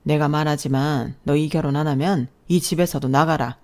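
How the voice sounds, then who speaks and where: A woman's voice: low voice, fairly even intonation, normal speed, darkish tone, lightly acted. A woman voicing a domineering older father-in-law who talks in a stern, lecturing way.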